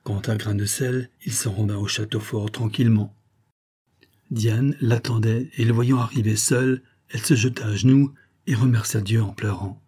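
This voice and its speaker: Homme à la voix sombre et voilée. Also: male voice, lowish voice, steady tone, mellow, husky. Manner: measured, dramatic storytelling. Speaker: audiobook narrator. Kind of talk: scripted narration of a classic novel.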